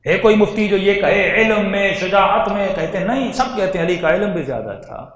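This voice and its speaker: A man, a religious scholar preaching a sermon in a large hall, moving between quiet passages and loud emphatic ones. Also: sits high, lively intonation. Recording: echoey hall, heard from far off.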